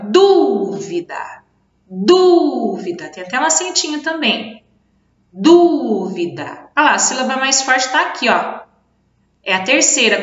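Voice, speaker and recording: Brazilian woman, schoolteacher, patient and repetitive delivery, bright tone, echoey lo-fi recording. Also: on the high side. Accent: Brazilian Portuguese. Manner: patient, explains slowly, repeats words and stresses syllables. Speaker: teacher. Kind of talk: remote video lesson for children. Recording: echoey room, dull lo-fi sound.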